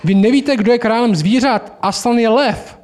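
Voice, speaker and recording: A man's voice: extremely high pitch, darkish tone, pitched above the performer's own voice. A man reading aloud as a proud, eager male beaver in a children's fantasy story.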